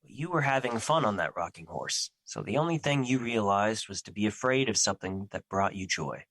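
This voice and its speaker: An actor in an audio drama playing Fear personified, a solemn, protective immortal who speaks formally and earnestly, full of remorse. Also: male voice, lowish voice, lively intonation, a little fast, fairly bright tone, no room sound. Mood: protective, regretful. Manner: formal, stilted, earnest phrasing without contractions.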